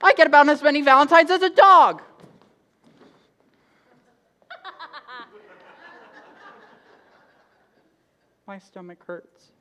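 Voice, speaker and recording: A woman's voice: high-pitched, very animated, unhurried, a crowd in the background. A woman playing a gloomy, hapless young boy in a stage musical, anxious and self-doubting, talking to himself, caught live on a theater stage with instruments playing. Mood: dejected. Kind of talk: stage musical acting and singing.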